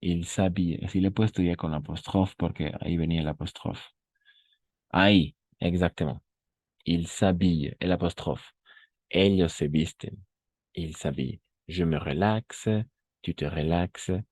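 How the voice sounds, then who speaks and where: Low, mellow-voiced male teacher, patient and repetitive, dry close recording. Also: steady tone, no echo. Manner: patient, repeats French examples slowly, checks in with "¿no?" and "ujú". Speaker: French teacher. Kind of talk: online class explaining French grammar in Spanish.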